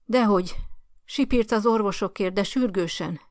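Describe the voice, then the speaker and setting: A woman's voice: medium pitch, a little mellow, no echo, studio quality, lightly acted. A woman voicing a dying, indignant ninety-four-year-old woman who gasps for breath and scolds and demands in a raised, short-winded voice. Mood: indignant, demanding. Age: older.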